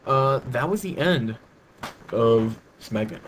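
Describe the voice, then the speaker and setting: A man in easy podcast banter with a jokey, excitable delivery. His voice sits at a middle pitch. He laughs often, and a faint hiss runs behind him. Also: slow pace, low-quality recording. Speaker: podcast co-host. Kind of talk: casual chat.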